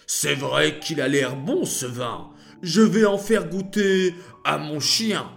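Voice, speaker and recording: A man's voice: on the high side, takes it slowly, creaky, soft background music. A man voicing a self-pitying, theatrical king in a children's story. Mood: smug.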